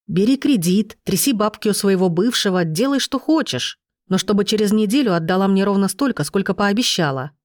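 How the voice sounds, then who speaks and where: A greedy grown brother, as a woman reader acts him out in a storybook, harsh and threatening as he demands his money. The voice stays close to the reader's own plain middle pitch, with no attempt to deepen it. It is recorded dry and close. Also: lively intonation, brisk, hardly any pauses, dry recording, natural voice.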